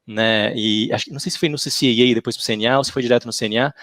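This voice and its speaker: A man's voice: medium pitch, rapid-fire, a bit bright, no room sound, studio quality. A man talking as a podcast guest over a video call, a chatty storyteller who tags his sentences with "né". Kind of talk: casual podcast chat.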